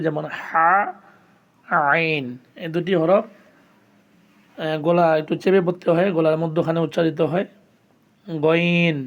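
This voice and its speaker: Slow, patient male Quran teacher. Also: high voice. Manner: patient, repeats each letter aloud for learners. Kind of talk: slow step-by-step pronunciation lesson.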